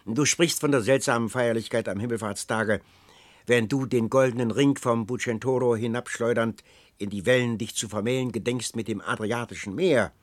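A man reading aloud, voicing an old counselor who persuades with ornate, flattering speech, in a storybook reading. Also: medium pitch, normal speed, no room sound, lightly acted. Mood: persuasive.

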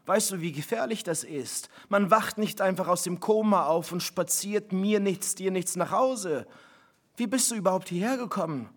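A woman's voice: medium pitch, moderate pace, voice pushed up, natural voice. A man reading the part of a shocked, anxious mother who fires off urgent, disbelieving questions in a raised voice. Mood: alarmed, disbelieving. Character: shocked anxious mother, middle-aged woman.

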